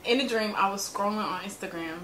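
A woman's voice: medium pitch, fairly quick, a bit bright, slight background noise. Chatty young woman telling a story. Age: 20s. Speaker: podcast co-host. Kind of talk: casual chat. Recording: roomy echo.

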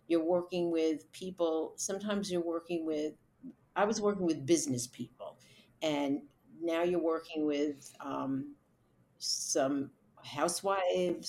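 Chatty middle-aged woman, slightly low voice. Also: a little mellow. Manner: chatty, laughs while telling stories. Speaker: event producer, guest. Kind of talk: conversational interview answers.

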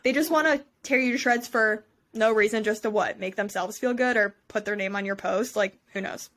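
A woman's voice: medium pitch, fairly quick, fairly bright tone. A young woman co-hosting a casual podcast chat, rambling and filling her talk with "like". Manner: rambling, heavy use of "like". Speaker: podcast co-host.

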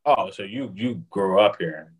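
A man's voice: deep voice, unhurried, slightly rough, poor audio. Profane, laughing man on a call. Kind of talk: casual chat. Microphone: video call.

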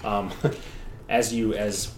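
A man's voice: fairly low pitch, level tone, drawn-out words. A man working as game master, narrating a tabletop game with casual asides. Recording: roomy, distant mic with background noise.

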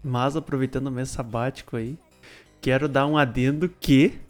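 A man's voice: mid-range voice, fairly even intonation, normal speed, soft background music. A teenage man co-hosting a podcast, speaking in a laid-back, teasing way with short replies. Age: teens. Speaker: podcast co-host. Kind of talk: casual chat.

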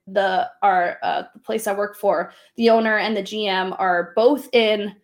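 A pregnant woman in her thirties co-hosts a podcast, chatting casually, laughing often, and trailing off into fillers. She tires quickly. Her mid-range voice holds a steady tone at a measured pace.

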